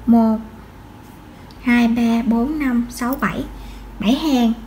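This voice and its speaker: A woman's voice: on the high side, slow, mellow, a little hiss or hum. A woman giving patient step-by-step crochet instruction, counting stitches aloud. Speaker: crochet tutorial host.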